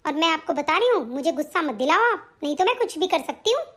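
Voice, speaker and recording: A woman's voice: extremely high pitch, very animated, fast talker, exaggerated voice. Woman doing a bossy scolding daughter-in-law. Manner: scolding, sharp and threatening. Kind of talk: comedy sketch acting.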